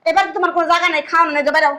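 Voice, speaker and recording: A scolding older mother, acted by a woman, her voice very high and bright. She rattles off rapid dialect at her son. The tone stays sharp and tense throughout. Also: fairly even intonation. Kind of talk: family drama acting.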